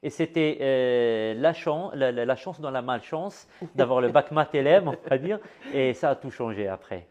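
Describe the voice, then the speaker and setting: A man's voice: medium pitch, lively intonation, moderate pace, few pauses. Algerian-born man recalling his youth. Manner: warm reminiscing, repeats words, many fillers. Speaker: guest artist. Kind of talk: interview conversation.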